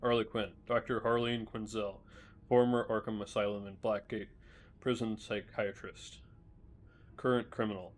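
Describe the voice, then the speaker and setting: A male streamer reading journal entries from a video game aloud in a measured way, with small restarts. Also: on the low side, flat delivery.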